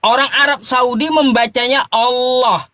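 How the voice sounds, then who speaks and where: A man's voice: very high voice, steady tone, a little slow, pushed and bright, no room sound. A man arguing in a heated religious debate, lecturing his opponent in a mocking tone with stammered restarts.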